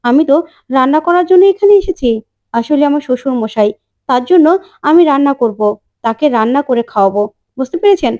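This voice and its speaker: A bold young daughter-in-law who answers back with teasing retorts, read out by a woman. Her voice sits high and quick. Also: animated, mellow. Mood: retorting.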